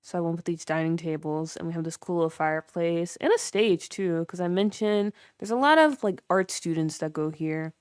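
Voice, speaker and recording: Speaking at a moderate pace with hardly any pauses, a young livestreamer walks viewers through her game build in a chatty, filler-heavy way. Her lowish voice is clear, resonant, and a bit mellow, in studio-quality audio free of room sound.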